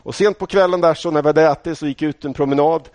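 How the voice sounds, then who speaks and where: Steady in tone, on the high side and a little mellow, the voice of a middle-aged Swedish preacher comes through with no echo. His sermon is conversational storytelling from personal experience, directed straight at the congregation.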